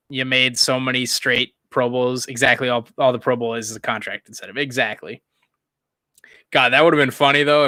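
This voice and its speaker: A man's voice: mid-range voice, sharp tone, dry recording. A young man doing casual live play-by-play of a football game, rambling and chuckling as he answers chat between plays. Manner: rambling, laughs often, reads chat aloud.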